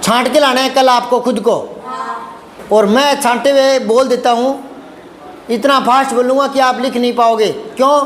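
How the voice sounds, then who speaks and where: A man's voice: very high-pitched, steady tone, normal speed, roomy sound, slight background noise. A man teaching a Hindi grammar lesson to a class, patient and repetitive, often asking the students if they understood. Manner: patient, repetitive, addresses students as beta, asks checking questions.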